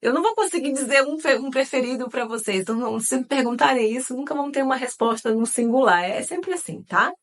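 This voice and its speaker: A woman's voice: sits high, expressive, fast, few pauses. Chatty Brazilian book vlogger woman. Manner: chatty, many fillers, addresses viewers as "gente". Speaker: book channel host. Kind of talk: casual chat to viewers.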